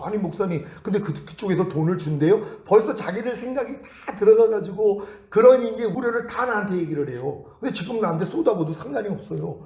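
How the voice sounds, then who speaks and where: High-voiced pastor preaching in an echoey room. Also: male voice. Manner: animated, acts out quoted prayers and voices. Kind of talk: sermon lecture.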